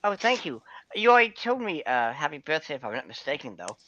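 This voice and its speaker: Lively, bright man in his thirties. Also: fairly high pitch, fast, dry recording. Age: 30s. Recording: muffled call audio.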